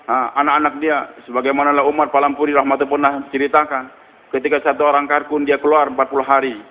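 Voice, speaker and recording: A man's voice: medium pitch, level tone, fast. A man preaching a sermon. He tells stories, asks rhetorical questions and adds murmured "hmm" tags. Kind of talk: religious sermon. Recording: muffled with long hall reverb.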